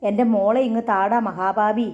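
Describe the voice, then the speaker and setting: A woman's voice: medium pitch, steady tone, normal speed, darkish tone, close to an everyday voice. A woman voicing a young wife and mother who pleads in a whiny, tearful way. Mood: distraught. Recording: echoey, slightly dull recording.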